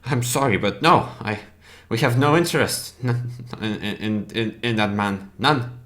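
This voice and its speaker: A man voicing a guarded, weary male village elder who answers in halting denials. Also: fairly low pitch, fairly bright tone. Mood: evasive.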